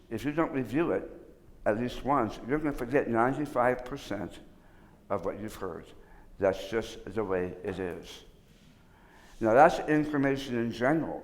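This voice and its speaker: A man with a mid-range voice leads a relaxed workshop lecture, his words shaped a little unusually by an old tongue surgery. He often stops and restarts a sentence and sometimes jokes dryly about himself. A long reverb fills the large hall around him. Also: medium pitch. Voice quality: slightly unusual articulation after tongue surgery. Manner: informal, restarts often, dry self-mocking humor. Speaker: workshop presenter.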